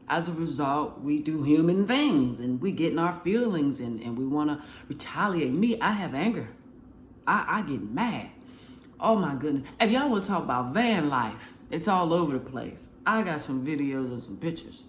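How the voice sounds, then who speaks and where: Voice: mid-range voice, expressive, normal speed, roomy sound, slight background noise. A faith vlogger giving a casual, earnest spoken testimony, rambling and emotional, recorded at home in an apartment.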